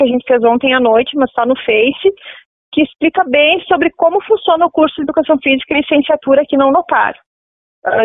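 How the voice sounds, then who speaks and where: A woman's voice: high-pitched, dry recording. A woman coordinating a university campus, interviewed on radio over a landline phone, explaining with frequent fillers and a habitual "tá?". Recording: tinny phone line on radio.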